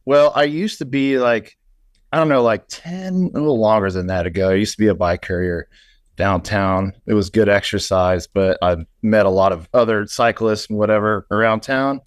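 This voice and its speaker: Relaxed low-voiced man. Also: normal speed, dry recording, studio quality. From Indiana. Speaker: studio engineer guest. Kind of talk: casual interview chat.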